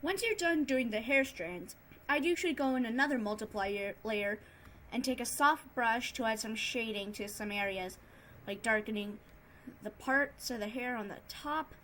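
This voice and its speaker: A woman narrating an improvised tutorial in a casual, subdued and somewhat monotone way. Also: a little high, normal speed, slight background noise. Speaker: tutorial host, digital artist.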